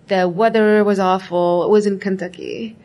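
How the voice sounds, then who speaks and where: At a moderate pace and with fairly even intonation, this woman's medium, slightly mellow voice carries her reflective interview answers. A graduate student from Iraq, she often adds "like" and "right?" in casual conversation.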